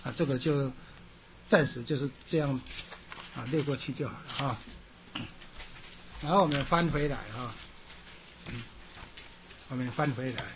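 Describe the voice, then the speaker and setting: A man teaching a Sanskrit class, repeating his points, clearing his throat often and ending phrases with a drawn-out "ha". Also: medium pitch, dull audio, noisy background. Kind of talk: classroom lecture.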